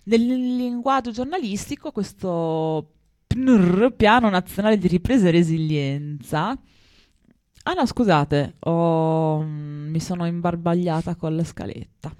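A woman's voice: on the low side, unhurried, darkish tone, no echo, studio quality. A woman co-hosting a casual podcast, reading out definitions and commenting wryly, stumbling a little, her speech slightly impaired by a dental retainer. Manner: wry, irreverent, stumbles over words while reading. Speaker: podcast co-host.

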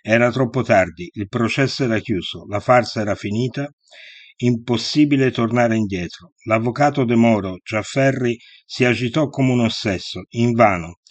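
A man narrating a historical account in a steady, measured storytelling manner. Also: medium pitch, dry recording.

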